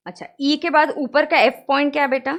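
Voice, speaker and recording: A woman teacher with an Indian English accent lectures a room of students, her voice sitting high. She slows right down to dictate notes, then speeds up to call out anyone not paying attention. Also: steady tone, fairly bright tone. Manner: dictating notes slowly, addressing students directly. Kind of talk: classroom lecture mixing Hindi and English. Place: classroom with students.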